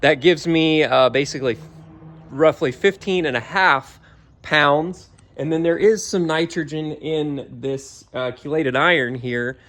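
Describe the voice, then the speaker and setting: A man's voice: a little high, a little slow. A middle-aged man from Georgia in the US, casually walking through his homemade yard sprayer outdoors, rambling with lots of ums. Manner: relaxed, rambling with many ums. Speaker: home DIY vlogger. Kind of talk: casual how-to walkthrough.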